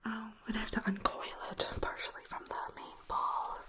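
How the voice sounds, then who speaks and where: Female ASMR performer for whispered role-play: breathy whisper, soothing and unhurried, very close on the mic. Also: fairly high pitch, completely flat delivery, pushed and bright. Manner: soothing, unhurried, murmured asides. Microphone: close ear-to-ear stereo microphone.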